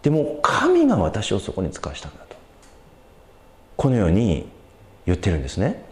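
A man preaching a sermon as a pastor, in an animated, conversational way with big swings in pitch. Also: normal speed, roomy sound.

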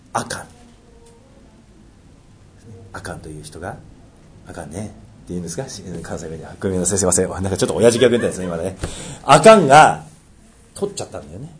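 A man preaching a sermon, reading scripture aloud and dropping into low, quiet asides between passages. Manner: swings between raised reading and low asides, jokes lightly. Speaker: pastor.

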